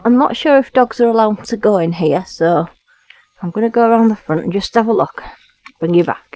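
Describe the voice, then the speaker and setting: A woman narrating a casual travel vlog, chatty and often dropping to a hushed whisper. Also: mid-range voice, fairly quick, poor audio. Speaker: travel vlogger. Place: old village church and campervan.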